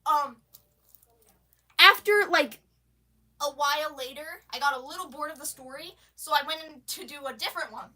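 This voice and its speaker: A woman rambling casually on a livestream, full of fillers and restarts, excitable and quick to laugh. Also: sits high.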